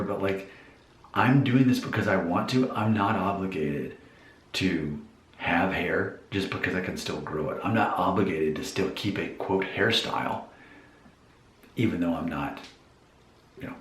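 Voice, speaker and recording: A man's voice: low voice, roomy sound. A man in his forties thinking aloud to viewers in a casual, musing vlog monologue. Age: 40s. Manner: musing, self-questioning. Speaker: vlogger.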